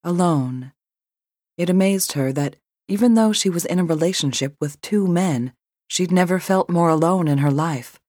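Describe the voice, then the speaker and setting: A woman narrating an audiobook in an emotive, measured reading. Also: lowish voice, darkish tone, no echo, clean studio sound. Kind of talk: scripted narration.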